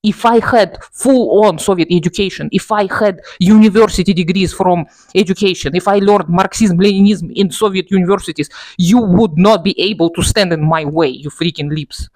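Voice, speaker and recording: This political vlogger speaks at a normal pace in a fairly low, slightly mellow voice, going off-script to her camera with exaggeration, self-mockery and plenty of laughter. Her camera mic gives a dry, low-quality sound.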